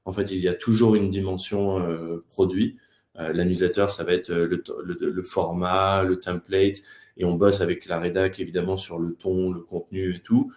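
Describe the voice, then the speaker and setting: A man's voice: deep voice, level tone, normal speed, a little mellow. A man in his thirties from France, the guest of an online talk show, speaking casually with many hesitations. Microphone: video call. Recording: echoey room.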